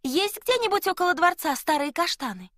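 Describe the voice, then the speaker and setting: A storyteller voicing a wise, kindly female goose who calmly reassures a frightened dwarf in a storybook reading. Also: very high-pitched, fairly quick, no echo, studio quality, pitched above the performer's own voice, full character voice. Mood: reassuring. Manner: calm, reassuring, helpful.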